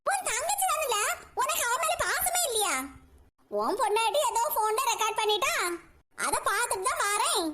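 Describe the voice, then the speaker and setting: A woman voicing a scolding, fiercely protective older village mother in a cartoon, with a Kanyakumari Tamil accent and a sharp, argumentative way of talking. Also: very high-pitched, sing-song, normal speed, a little hiss or hum, full character voice. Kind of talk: cartoon voice acting.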